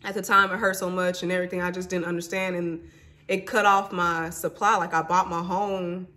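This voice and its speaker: A woman's voice: on the low side, little pitch movement, fairly quick, pushed and bright. A woman in her twenties from Mississippi, telling her own story in a candid, emotional vlog and talking straight to her viewers. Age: 20s. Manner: candid and emotional, says y'all and honey. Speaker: vlogger.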